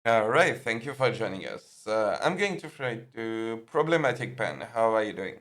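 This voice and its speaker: A man hosting and moderating a live-stream panel, talking in a halting way with many pauses. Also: on the low side, very animated, fairly bright tone. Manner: halting, lots of fillers and restarts. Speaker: host and moderator.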